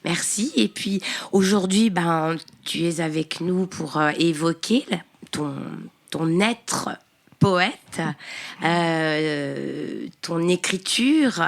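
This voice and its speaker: Slow, low-voiced radio host woman. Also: vocal fry. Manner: hesitant, restarts often with fillers. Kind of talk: literary radio interview. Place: radio studio.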